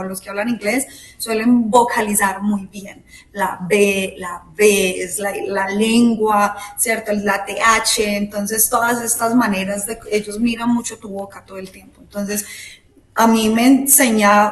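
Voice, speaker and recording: A woman, a guest in a casual interview, who explains things step by step and gives examples. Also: medium pitch. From Latin America. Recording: echoey room.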